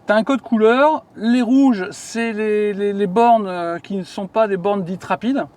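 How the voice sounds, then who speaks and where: A man's voice: high voice, unhurried, a little mellow. A man, hosting and casually explaining electric cars to a colleague, chatty with many fillers. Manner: chatty, many fillers, asks viewers questions.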